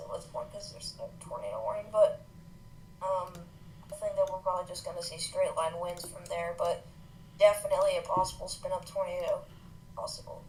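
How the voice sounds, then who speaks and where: A woman co-hosts live weather commentary in a fairly flat voice. The remote recording is echoey, with some noise behind her. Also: on the low side. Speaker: storm livestream co-host. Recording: roomy, noisy, patchy remote connection. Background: thunderstorm background noise.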